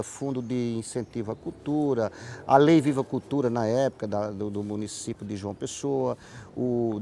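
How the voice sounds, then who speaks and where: Slight background noise accompanies a medium-pitched, dark-toned man with a Northeastern Brazilian accent. He's a writer and playwright from Paraíba, northeastern Brazil, who explains things conversationally as an interview guest, repeating words as he looks for phrasing.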